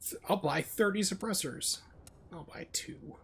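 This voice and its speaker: Commentating casually on a live stream while he plays a video game, this man is opinionated and emphatic. His voice sits high and has a fairly bright, creaky tone with a breathy edge, and he speaks a little slowly.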